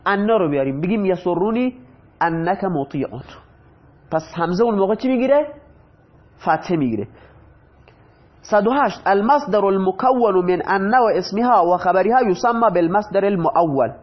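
A man teaching a grammar class. He reads example sentences slowly, translates them, and asks the class questions that he answers himself. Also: high-pitched, expressive. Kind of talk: Arabic grammar lesson explained in Persian. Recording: dull lo-fi recording.

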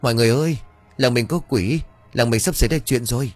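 A man's voice: on the low side, expressive, moderate pace, husky, dry recording, soft background music. A man voicing a half-mad old village woman who cries out in alarm, in an audiobook. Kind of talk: audiobook character voice.

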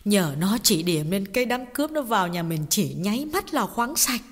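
A woman's voice: medium pitch, big pitch swings, normal speed, slightly rough. A woman voicing a sorrowful middle-aged mother recounting a family tragedy in an audio story. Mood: bitter. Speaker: audiobook voice actor. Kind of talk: audiobook drama reading. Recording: long reverb with faint music.

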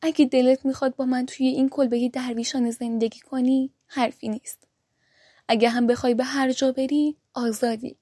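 A woman's voice: sits high, little pitch movement, no room sound, clean studio sound. Humble poor shepherd, read by a woman. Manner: soft and humble.

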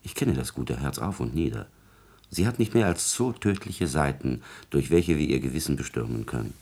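This heavily acted performance of a servile, scheming court secretary in a classical radio drama comes in an extremely low, gravelly, a little mellow male voice. He speaks at normal speed with animated intonation, formal and obsequious, insinuating and calculating.

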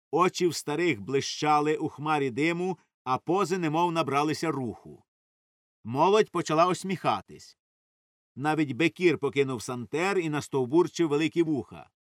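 A man narrating a classic story as an audiobook, with a fairly high voice that rises and falls in a lively way. The recording is dry and close, with no room sound. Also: no echo. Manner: expressive, measured storytelling.

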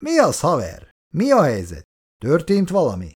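A man voicing a jovial army lieutenant who teases his friend loudly and heartily in an audiobook. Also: medium pitch, very animated, creaky. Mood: teasing. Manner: loud, mocking, hearty. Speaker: platoon lieutenant.

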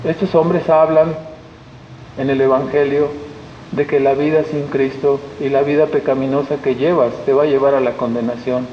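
A man's voice: medium pitch, little pitch movement, normal speed, slight background noise. A man preaching a sermon as pastor with a Mexican Spanish accent, talking conversationally and acting out the voices of people he quotes. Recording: echoey hall, dull lo-fi sound.

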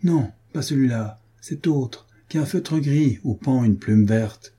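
A man voicing a vengeful, imperious noblewoman in an audiobook, giving sharp, commanding orders. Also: medium pitch, unhurried, slightly rough, voice pushed up. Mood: urgent.

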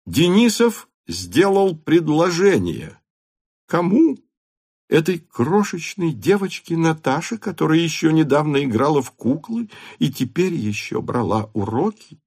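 A man narrating a classic novel as an audiobook in a measured, even reading voice. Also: on the high side, vocal fry, breathy edge, no room sound, studio quality.

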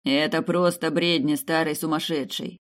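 An audiobook reader voicing a stern, wounded male dragon lord who speaks heavily and gravely. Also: a little high, flat delivery, normal speed, natural voice. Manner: grave, heavy-voiced.

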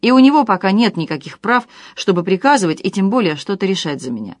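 A woman's voice: mid-range voice, very animated, fast talker, no echo, studio quality, natural voice. Defiant young bride, read by a woman. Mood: indignant. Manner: indignant, firm.

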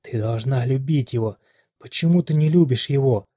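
Old crone witch, shrieking and lamenting, husky, read by a man. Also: medium pitch, steady tone, fairly quick, dark tone, no room sound, lightly acted. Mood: stern. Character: ancient wailing female witch, gone hysterical.

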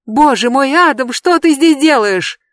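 A reader voicing a desperate, unhinged woman who shrieks her lines in a high, frantic voice. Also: expressive, measured pace, fairly bright tone, no echo, studio quality. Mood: shocked.

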